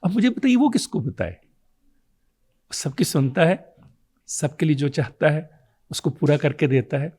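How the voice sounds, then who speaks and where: A man's voice: a little high, sing-song, pauses often, a little mellow, husky. A man with a Pakistani Urdu accent, speaking as a guest, delivering an emotional, preacher-like monologue full of rhetorical questions. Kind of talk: emotional oratory on fathers.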